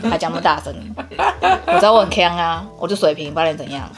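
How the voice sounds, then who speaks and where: A woman's voice: on the low side, fast talker, music in the background. A woman with a Taiwanese Mandarin accent, a podcast guest trading cheeky, teasing banter. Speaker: guest, aunt. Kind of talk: casual chat.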